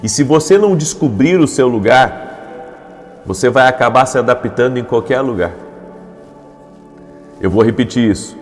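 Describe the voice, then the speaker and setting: Pastor preaching over soft music. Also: male voice, medium pitch, expressive, normal speed, long pauses, long reverb tail. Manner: repetitive, emphatic preaching cadence, rising to urgent appeals. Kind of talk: devotional morning sermon.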